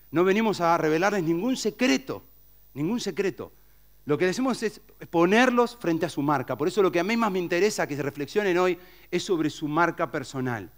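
A man with a Rioplatense Spanish accent giving a storytelling keynote talk at a conference, acting out the characters' voices. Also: fairly high pitch. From Uruguay. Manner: animated, acts out characters' voices. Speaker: conference speaker. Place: large conference hall.

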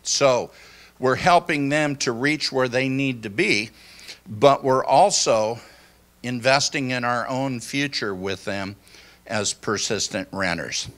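Slow, bright-voiced older pastor. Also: male voice, medium pitch. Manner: slow, conversational, reflective. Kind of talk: informal sermon to a congregation. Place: small church hall indoors. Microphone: handheld microphone.

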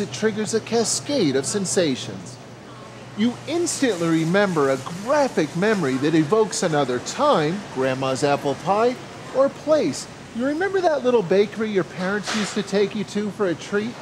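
With background music and some noise behind him, a man in his forties presents a scripted cooking show to camera in a home kitchen set and grocery store. His high voice has big pitch swings, delivered at a moderate pace with playful enthusiasm.

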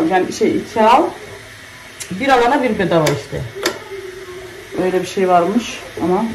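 A woman's voice: mid-range voice, noisy background. A woman in her thirties, a mother and home vlogger, chatting casually while she cooks, muttering little asides to herself. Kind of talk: casual vlog chat while cooking. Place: home kitchen.

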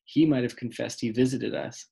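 A man voicing a quiet, worried mother. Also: medium pitch, fairly even intonation, moderate pace, creaky, natural voice. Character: worried middle-aged mother, soft and weak. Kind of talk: audiobook reading.

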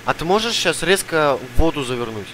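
Game car sounds and noise run behind a young streamer whose voice sits on the high side, sing-song and fairly bright, moving a little fast. Playing a detainee on an online roleplay server, he argues in character over voice chat, bossy and demanding with a mock-official air.

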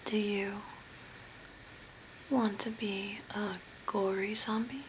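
A young woman hosting ASMR takes on the role of a calm, eerie zombie makeup artist, lightly acted in a mid-range, soft and breathy whisper. Her gentle instructions come slowly and deliberately. The noisy home recording, made in a small room by a window, has audible hiss and clear background noise.

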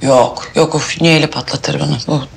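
An actress playing an excitable, quick-tempered pregnant housewife who talks to herself a lot. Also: female voice, sits low, creaky, a little hiss or hum. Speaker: pregnant wife. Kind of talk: TV drama acting.

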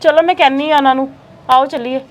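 A woman's voice: high voice, steady tone, fast talker. A woman playing a sister and wife who defends her brother in a family short film.

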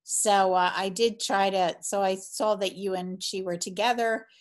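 A woman's voice: medium pitch, steady tone, measured pace. A woman on a video call, leading a small group discussion in a friendly, encouraging way. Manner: friendly, encouraging, laughs easily.

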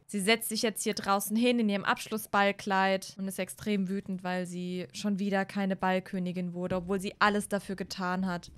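A woman's voice: mid-range voice, a bit bright. A woman casually commenting on her life-simulation game, chatty and emotional, talking straight to her viewers. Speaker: let's play creator.

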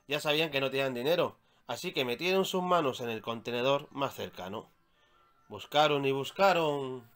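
A man from Spain reading aloud his own children's story, with measured, expressive storytelling. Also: medium pitch, soft background music.

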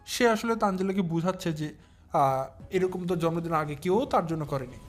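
High-voiced young man, mocking commentary. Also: faint music behind. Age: young adult. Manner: drawn-out emphatic stresses, mocking. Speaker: commentary channel host. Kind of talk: casual commentary vlog addressing viewers.

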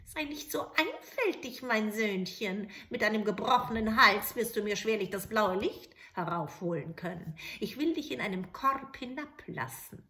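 A woman's voice: medium pitch, lively intonation, normal speed, few pauses, sharp tone. A woman voicing a spiteful old witch who scolds and mocks in a storybook reading. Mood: scolding. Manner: mocking, scolding, calls him "Söhnchen".

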